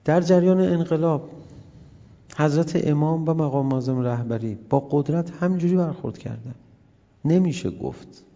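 A man preaching a religious sermon as a story, acting out quoted voices and swinging between loud and hushed. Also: on the high side. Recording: dull lo-fi recording with long hall reverb.

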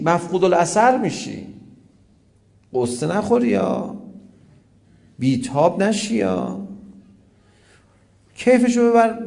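A man preaching a religious sermon, animated, rising to emphatic calls and then dropping low. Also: gravelly.

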